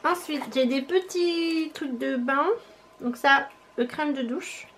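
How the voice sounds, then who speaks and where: A woman's voice: high voice, takes it slowly, fairly bright tone, a little hiss or hum. A young woman chatting casually as she unboxes a parcel on her vlog, thinking aloud and hesitating often. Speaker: beauty vlogger.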